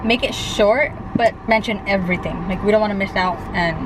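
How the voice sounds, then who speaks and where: A woman's voice: medium pitch, fairly quick. A young woman from California, telling a story in a chatty, rambling way for a couple's vlog. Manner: chatty, rambling, lots of likes and restarts. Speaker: vlogger co-host. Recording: outdoor traffic noise behind. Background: street and car noise.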